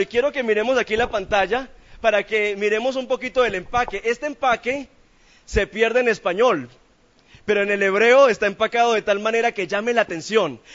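A man's voice: very high-pitched, fairly bright tone, lo-fi sound. A man preaching a sermon in church, asking the congregation questions in a playful, colloquial way.

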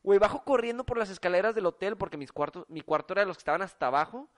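A man's voice: high-pitched, lively intonation, racing. A young man with a Mexican accent telling a story in casual chat, slangy and profane, with a filler word in nearly every phrase. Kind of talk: casual storytelling among friends.

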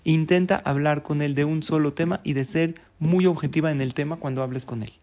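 A man's voice: fairly high pitch, fairly even intonation, brisk, darkish tone. A man giving marriage advice straight to the listener in an instructive, emphatic way, with many rhetorical questions. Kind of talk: direct-to-camera advice talk.

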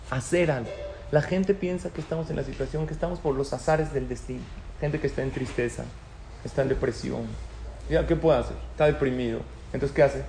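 A man lectures on religion to an audience as a rabbi, weaving in stories and asking questions. His voice is fairly high and a little mellow, recorded in an echoey room with faint ambience and a little hiss or hum.

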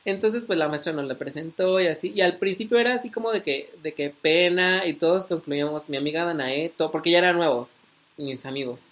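A man's voice: fairly high pitch, brisk, fairly bright tone. Young Mexican guy, vlogger, loose rambling storyteller full of fillers. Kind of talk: casual storytelling.

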